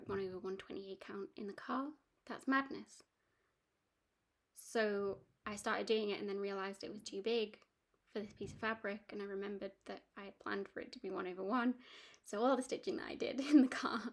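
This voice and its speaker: A woman's voice: medium pitch, steady tone, normal speed. A woman chatting casually about her cross-stitch projects, rambling with lots of ums and restarts. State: has the hiccups. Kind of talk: casual chat.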